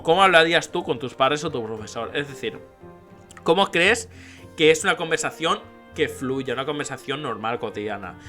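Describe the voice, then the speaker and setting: Chatting casually, this writing-advice creator on YouTube explains how to craft dialogue, sprinkling in "¿vale?" as a check-in. His fairly high voice sounds pushed and bright.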